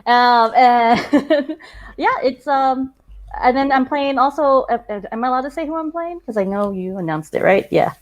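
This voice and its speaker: Giggly, higher-voiced woman on a call. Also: animated, moderate pace. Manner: giggly and playful. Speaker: cast member in a table read. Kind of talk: casual video-call chat.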